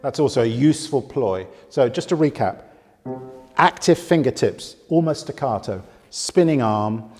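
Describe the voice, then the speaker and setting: A man giving a piano lesson, explaining patiently and counting fingers aloud as he demonstrates in a very resonant room. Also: mid-range voice. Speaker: piano teacher. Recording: long room reverb with loud piano. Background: piano playing.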